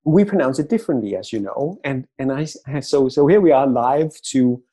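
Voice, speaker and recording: Danish-accented man with a dark, mellow voice. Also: mid-range voice, animated. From Denmark. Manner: halting, repeats words when starting sentences. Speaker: author guest. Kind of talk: conversational storytelling interview.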